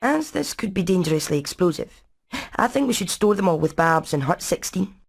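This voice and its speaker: This woman goes full character voice, very animated and a little fast, with a lowish tone and vocal fry. She plays a brainy, practical hen engineer in a video game, Scottish-accented, thoughtful, and technical in a matter-of-fact way.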